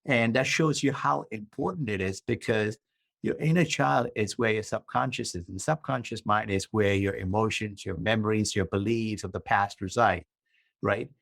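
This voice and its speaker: Low-voiced Malaysian-born man, dry sound. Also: normal speed, vocal fry, fairly bright tone, no room sound. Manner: explanatory, structured, says "right?" often. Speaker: guest author and coach. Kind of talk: podcast interview.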